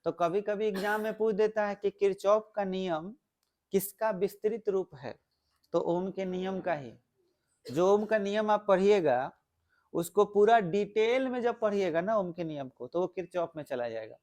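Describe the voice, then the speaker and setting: A man's voice: high voice, normal speed, darkish tone. A male physics teacher, giving a classroom lecture, explaining step by step and asking the class questions.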